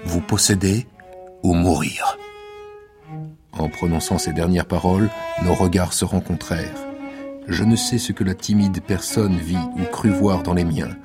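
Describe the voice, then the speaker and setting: A man giving a measured, intimate and theatrical radio reading of a classic novel in the first person. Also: sits low. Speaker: reader.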